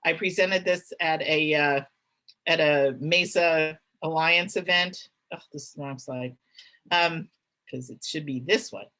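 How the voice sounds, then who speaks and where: A woman's voice: low-pitched, a little slow, bright, forceful tone. A middle-aged woman giving a webinar presentation, talking conversationally with many fillers and restarts.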